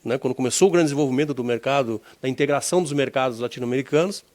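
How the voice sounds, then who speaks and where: Recounting his career for an interviewer, this Gaúcho-accented insurance executive in his sixties from southern Brazil speaks in a mid-range, darkish voice. He is measured and often repeats words as he hunts for the right one.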